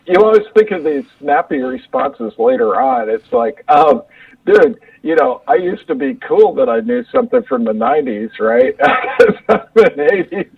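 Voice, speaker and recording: A man's voice: high voice, very animated, moderate pace, vocal fry, no echo. Man talking through a tube. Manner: laid-back slangy talk. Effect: muffled, sounds like talking through a tube. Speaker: co-host. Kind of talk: casual podcast chat. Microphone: 4G phone. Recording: distant lo-fi phone line.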